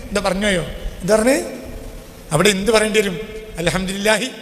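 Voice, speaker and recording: Malabar-accented male preacher, high and piercing, quizzing the crowd; echoey hall, long reverb. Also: fairly even intonation, fairly quick, a bit bright. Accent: Malabar Malayalam. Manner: asks the audience questions and presses them to answer. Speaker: Islamic preacher. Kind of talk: sermon.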